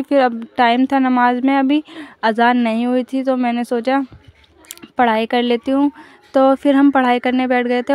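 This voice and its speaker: A young woman talks over her own vlog footage in a loose, rambling way, often opening with "so guys". Her voice sits fairly high but stays quite level, with little rise and fall as she goes. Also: a little mellow. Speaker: vlogger. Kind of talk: casual voice-over narration of a daily vlog.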